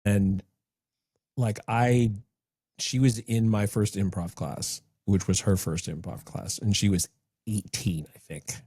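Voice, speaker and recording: A male podcast host chatting casually in a relaxed, measured way. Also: on the low side, slightly rough, no room sound, studio quality. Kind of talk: casual interview chat.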